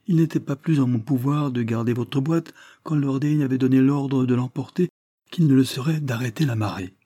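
A man's voice: mid-range voice, normal speed, dark tone, dry recording, clean studio sound, pitched above the performer's own voice, natural voice. A man voicing a flustered, humble male villager who pleads and defends himself. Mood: defensive.

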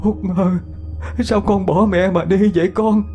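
Male narrator putting on a sobbing, wailing mother, pitched high, faint music underneath. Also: fairly even intonation, a little slow, a little mellow. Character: grieving mother wailing over her daughter.

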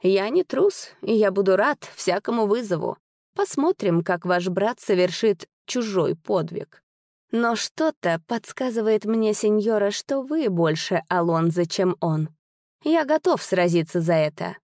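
A woman voicing a masked male trickster cavalier who speaks in a high, mocking, bitter tone. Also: expressive, a little slow, a little mellow, no room sound, studio quality.

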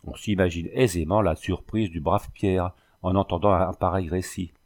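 A man narrating a novel as an audiobook in a measured storytelling manner. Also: deep voice, fairly even intonation, a little mellow. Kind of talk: scripted narration.

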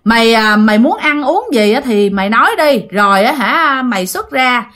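A woman's voice: fairly high pitch, lively intonation, normal speed, fairly bright tone. A woman voicing a stern old female exorcist scolding a ghost. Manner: scolding, threatening.

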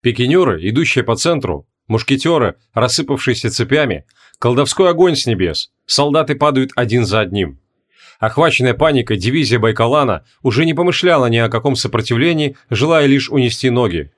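A man narrating a fantasy battle audiobook in a steady, measured reading. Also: mid-range voice.

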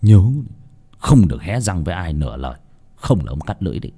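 A man voicing a gruff older innkeeper who gives curt, menacing orders. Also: low voice, big pitch swings, quick pace, dark tone, pitched below the performer's own voice, exaggerated voice. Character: gruff older male innkeeper, harsh and bossy.

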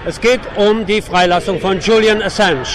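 The clip is an outdoor radio report from a protest on a city avenue, with traffic and street sounds clearly audible. The male reporter's voice sits high, his pace is normal, and his commentary carries a sardonic, opinionated tone.

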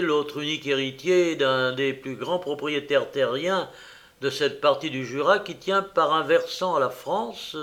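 A man reading a fantasy short story aloud as an audiobook narrator, measured and expressive. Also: medium pitch. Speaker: audiobook reader.

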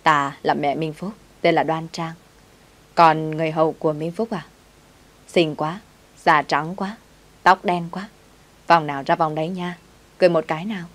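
A stylish rich mother in her forties speaks slowly and sweetly, fawning over the people around her, as a woman narrator voices her. Her voice sits fairly low. It is an audiobook story reading. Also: fairly even intonation, natural voice. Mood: doting.

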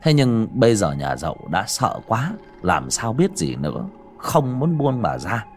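A man narrating a ghost story in a dramatic, lively storytelling manner. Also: on the low side, measured pace, soft background music.

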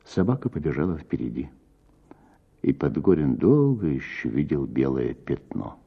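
A man with an extremely low, husky voice reads a literary short story as expressive, theatrical radio audiobook narration, pausing deliberately. The audio sounds dull.

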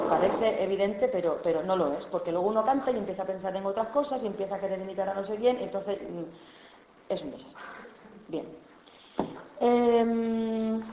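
A woman's voice: lowish voice, dull audio, a little hiss or hum. Spanish woman lecturing in an echoey hall. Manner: lively, explanatory, with asides and tag questions. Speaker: flamenco singer giving a talk on vocal technique. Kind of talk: conference lecture.

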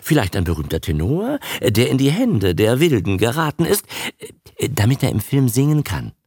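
A vain, naive young starlet, put on by a man reading aloud, chatters in a raised, breathy voice that leaps up and down. Her gushing daydreams come through close and dry, with a husky edge. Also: mid-range voice, huge pitch swings, moderate pace, darkish tone, dry recording, voice pushed up, heavily acted. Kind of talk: audiobook character voice.

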